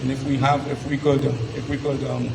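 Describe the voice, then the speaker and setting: A gravel-voiced man makes deliberate, repetitive points as a panelist. He is picked up from a distance in an echoey, noisy setting. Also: mid-range voice, level tone. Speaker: panelist, business association secretary. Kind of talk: public panel remarks.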